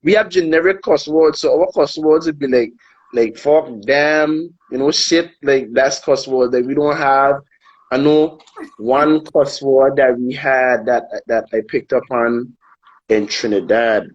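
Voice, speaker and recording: A man from Anguilla, a soca artist chatting casually in an interview, relaxed and hesitant, often repeating words while he thinks. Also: medium pitch, measured pace, highs cut off. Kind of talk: casual interview over a live video call. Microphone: phone on a live video stream.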